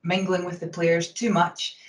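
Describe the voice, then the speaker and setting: A woman with a Scottish accent, a hockey umpire, answering interview questions quickly and casually with lots of fillers. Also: lowish voice, little pitch movement. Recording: roomy sound from a distance from the mic.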